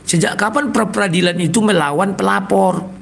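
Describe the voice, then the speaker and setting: A man hosting a live stream, giving blunt, scornful commentary and clearing his throat often. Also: high-pitched, fairly quick, slight background noise. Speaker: host.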